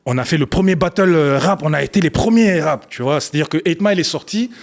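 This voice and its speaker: A young man tells his life story to an interviewer in an easy, conversational way. He acts out old scenes and swings his voice high and low as the story moves, with laughter breaking in now and then. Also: fast. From Africa, grew up partly in Ethiopia. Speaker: guest, battle rapper and slam poet.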